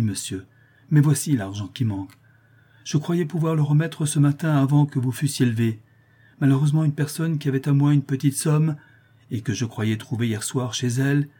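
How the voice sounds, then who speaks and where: A man's voice: mid-range voice, warm tone, husky, lightly acted. A man voicing a frightened young clerk who pleads and stammers before his employer.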